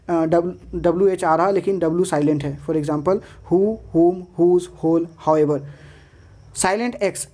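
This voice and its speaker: A woman teaching an English lesson, reading each rule out slowly, then listing example words. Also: fairly low pitch, mellow. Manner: slow deliberate reading of rules, then lists examples; switches between Hindi and English. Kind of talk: explaining lesson over slides.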